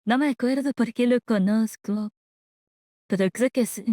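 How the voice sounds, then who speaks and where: Woman, Latin American Spanish accent, relaxed dark-soft tone, dry close sound, giggly, informal live-stream chat, slangy. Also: fairly high pitch, a little slow, no echo. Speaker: VTuber streamer reacting to a video.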